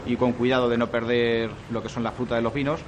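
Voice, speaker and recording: A man's voice: medium pitch, level tone, quick pace. Man talking outdoors with traffic noise. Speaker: winemaker. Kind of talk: interview.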